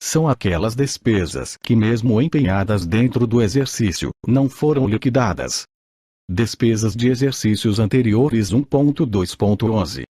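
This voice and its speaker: Audiobook narrator: synthetic man's voice in old text-to-speech style, impersonal, husky, recorded very dry. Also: fairly low pitch, animated, moderate pace, dark tone, no room sound. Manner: mechanical, impersonal reading. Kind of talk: scripted audiobook narration, read aloud.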